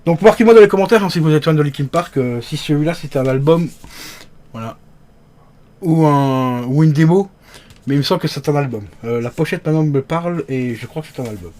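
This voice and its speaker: A man's voice: a little high, brisk, a little mellow. Chatty man unboxing a collector's set. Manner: chatty, hesitant with many fillers; talks to viewers as friends. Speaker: unboxing youtuber. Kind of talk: casual unboxing commentary.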